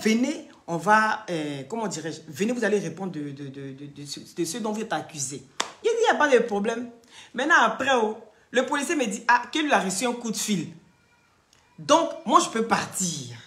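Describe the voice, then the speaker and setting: A woman's voice: medium pitch, a bit bright, echoey room, slight background noise. A young woman, telling a story on a casual live stream. She acts out both sides of the dialogue and keeps checking in with her listeners.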